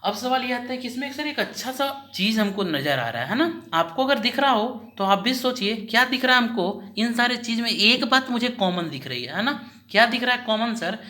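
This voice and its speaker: A man teaching a recorded lesson in a bright, slightly tense voice. He goes slowly and repeats each point, firing off questions and answering them himself. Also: very high voice, big pitch swings. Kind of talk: recorded class lecture.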